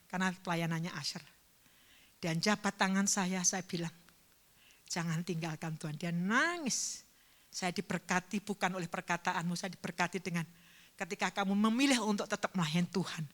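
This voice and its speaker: With a fairly low pitch and moderate pace, a woman pastor preaches at a church service. She tells a personal story emotionally, swinging from fervent to hushed.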